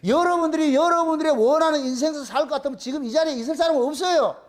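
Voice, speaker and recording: A middle-aged man, preaching a sermon as pastor, telling stories animatedly and dropping low to voice God's replies. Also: very fast.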